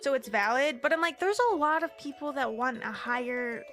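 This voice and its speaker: A woman's voice: high voice, brisk, fairly bright tone. A woman from the Midwest, chatting in a rambling, filler-heavy way while she streams a game and laughs often. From American Midwest. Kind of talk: casual gaming stream chat. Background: game music.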